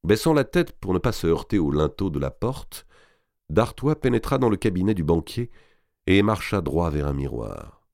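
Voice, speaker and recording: A man narrating an audiobook in an expressive, dramatic reading style. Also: sits low, moderate pace, gravelly, no room sound, clean studio sound. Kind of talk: audiobook reading of a historical novel.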